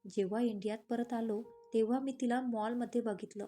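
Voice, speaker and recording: A woman's voice: on the high side, fairly even intonation, a little fast, mellow, soft background music, close to an everyday voice. Woman reading as a brooding, stern boss. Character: brooding man, a stern boss turned lovestruck.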